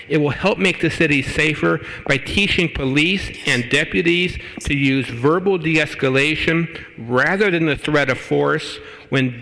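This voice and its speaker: A man's voice: on the high side, bright, forceful tone. A man, a volunteer advocate, making an earnest, persuasive appeal during public comment at a city board meeting. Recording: long hall reverb.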